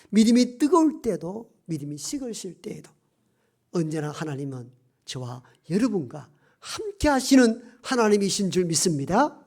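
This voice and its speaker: A middle-aged male pastor preaching a Sunday sermon in a church. He moves between raised emphatic phrases and hushed, almost whispered lines, and slows down to stress key words. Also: high voice. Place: church sanctuary.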